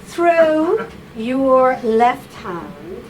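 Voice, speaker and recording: Reading aloud at a writers' salon, a woman speaks slowly and deliberately in a fairly high, very animated voice, pausing to coax and tease the volunteers she's directing. Her playful tone often spills into laughter over a noisy recording with room ambience beneath.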